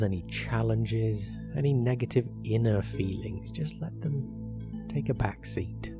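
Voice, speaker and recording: A man working as a relaxation therapist leads a guided hypnosis meditation in a soothing, measured voice on the low side. He speaks in short phrases separated by pauses. Meditation music plays in the background.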